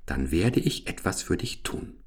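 A man's voice: sits low, sing-song, unhurried, breathy edge, heavily acted. A man voicing a fierce, wild little robber girl who talks in a bossy, teasing and threatening way.

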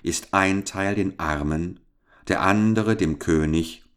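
A man's voice: deep voice, slow. A man doing a menacing old bearded giant. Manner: threatening, gruff. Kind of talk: storybook reading.

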